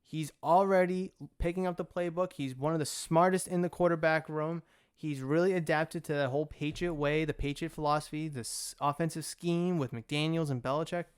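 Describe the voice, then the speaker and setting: Opinionated man with a smooth voice. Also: a little high, steady tone, normal speed. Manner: opinionated, rambling, self-correcting. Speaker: podcast host. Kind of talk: solo sports talk podcast.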